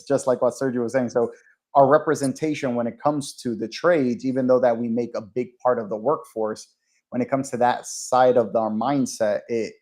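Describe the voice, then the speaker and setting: A man's voice: mid-range voice, warm tone. A man hosting a casual podcast conversation, talking in an enthusiastic, encouraging way. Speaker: podcast host.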